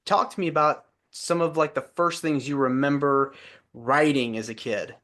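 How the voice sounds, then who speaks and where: A man's voice: mid-range voice, steady tone, normal speed, fairly bright tone. A man hosting an interview podcast, upbeat and positive as he asks questions. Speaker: podcast host.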